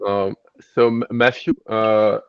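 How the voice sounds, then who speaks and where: A man's voice: on the low side, flat delivery, clean tone, no room sound, dull audio. Man on a clipping, distorted call mic. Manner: halting, many uh fillers and restarts. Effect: clipping, distorted mic audio that breaks up. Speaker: working group chair. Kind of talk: online meeting status update. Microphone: video call.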